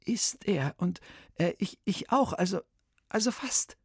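A man's voice: high-pitched, expressive, a little slow, a little mellow, husky, dry recording, studio quality, pitched above the performer's own voice, heavily acted. A man voicing a nervous boy vampire who stammers and repeats his words in a storybook reading. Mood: flustered.

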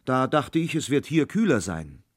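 A man's voice: medium pitch, sing-song, normal speed, no echo, clean studio sound, pitched above the performer's own voice. A man voicing a poor, frightened young charcoal burner who talks in a raised, nervous voice. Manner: raised, nervous, trembling bravado.

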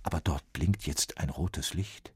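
Man narrating a story, husky, dry close sound, calm and measured. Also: very deep voice, no echo.

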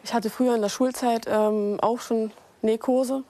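A woman's voice: a little high, steady tone, unhurried, dark tone. A 21-year-old woman apprentice answering interview questions, eager and a little hesitant.

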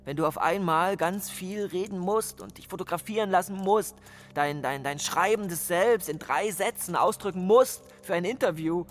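An actor in a radio play voicing a cynical man who calls himself a professional of love. He lectures sardonically and swings between hushed asides and emphatic bursts. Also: sits high, normal speed, a little hiss or hum, lightly acted.

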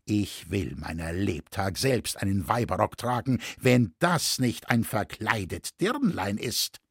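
A man reading a sneering, spiteful medieval cloth-shearer who taunts and pries, in a husky voice. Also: lowish voice, animated, measured pace, no room sound, studio quality, voice pushed down, exaggerated voice. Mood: mocking. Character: brash spiteful male cloth-shearer, mocking busybody.

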